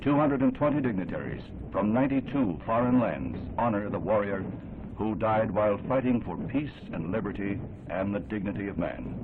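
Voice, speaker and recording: A man giving solemn, measured, formal narration in an old 1960s newsreel. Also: fairly low pitch, expressive, noisy background. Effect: old 1960s newsreel sound. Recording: thin narrow-band old film audio with music underneath.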